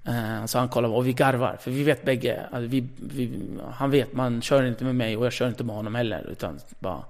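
A man, a former radio host, tells a story in a casual interview, blunt and lively, swearing freely and acting out the conversations. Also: mid-range voice.

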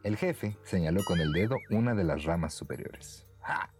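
A man narrating a bedtime story for children in a gentle, expressive way. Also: low voice, normal speed, music in the background.

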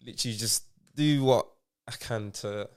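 A man's voice: mid-range voice, normal speed, darkish tone. A man with a London roadman accent chatting casually in slang as an interviewed footballer, laid-back and full of tag questions. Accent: London roadman, multicultural urban London. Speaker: footballer being interviewed as podcast guest.

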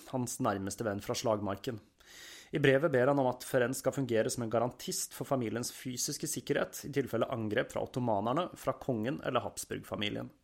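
A man giving scripted history narration in a measured storytelling manner. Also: mid-range voice, gravelly. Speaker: podcast narrator.

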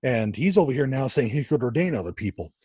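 Man, podcast guest, husky dry voice, animated storyteller who restarts his sentences. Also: mid-range voice, fast talker, dry recording. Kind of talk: conversational storytelling.

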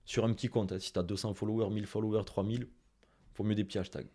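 A man with a Toulouse accent, a guest on a podcast, giving direct and lively marketing advice straight to the listeners. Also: lowish voice, fast. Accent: Toulouse (southern French). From Toulouse, France. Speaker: guest, Instagram marketing expert. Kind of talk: casual podcast interview.

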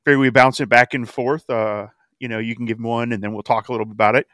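A man's voice: mid-range voice, flat delivery, fast talker, fairly bright tone, dry recording, clean studio sound. A man co-hosting a podcast in casual chat, with loose, hesitant phrasing. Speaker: podcast co-host.

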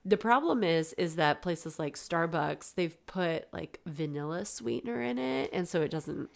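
A woman's voice: low-pitched, lively intonation, a little slow, gravelly. A woman co-hosting a casual podcast, chatty and teasing, explaining things at length. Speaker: podcast co-host. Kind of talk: casual chat.

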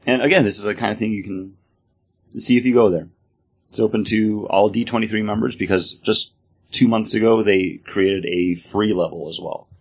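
Low, husky American man explaining enthusiastically. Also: fairly even intonation, moderate pace. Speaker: podcast co-host. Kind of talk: casual informative chat.

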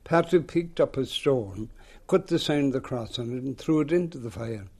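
An elderly man with a rural western Irish accent tells a tale aloud in a lilting, unhurried storyteller's way. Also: medium pitch, expressive, darkish tone, husky. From rural west of Ireland. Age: older, seventies or above. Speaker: local folklore teller. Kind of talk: oral storytelling in an interview.

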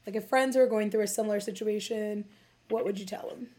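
A woman's voice: mid-range voice, brisk. A woman in her late twenties hosting a casual chat, talking with lots of "like" and acting out quotes. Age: late 20s. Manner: chatty, fillers of "like", animated quoting. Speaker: host.

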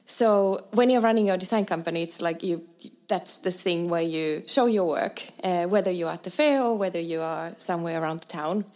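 Speaking at a moderate pace in a darkish, somewhat low voice, a young woman from Finland shares her story as a designer guest. The interview is casual, full of fillers, false starts and laughs.

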